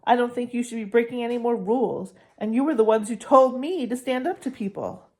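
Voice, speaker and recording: Woman voicing a timid schoolboy, stammering, nervous, slightly higher pitch, storybook reading. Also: a little fast, close to an everyday voice. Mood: nervous defiance. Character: timid clumsy schoolboy steeling his nerve.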